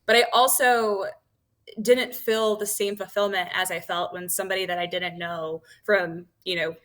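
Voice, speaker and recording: In a casual interview conversation, a podcast guest who is an author and a woman in her thirties speaks candidly and with enthusiasm, dropping in lots of fillers. Her pitch is medium and her intonation fairly even, with a moderate pace and a fairly bright tone.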